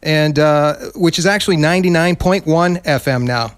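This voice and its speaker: A man's voice: a little high, moderate pace, smooth. A man hosting a live radio interview, friendly, with short encouraging interjections. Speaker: radio host.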